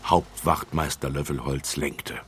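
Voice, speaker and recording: A man's voice: a bass voice, steady tone, unhurried, slight background noise. A man narrating a children's story in a storytelling manner.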